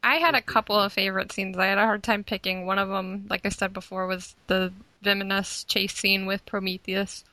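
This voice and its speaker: A woman in casual book-club chat, calm and measured as she lists her favorite scenes. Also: mid-range voice, no echo, rough recording.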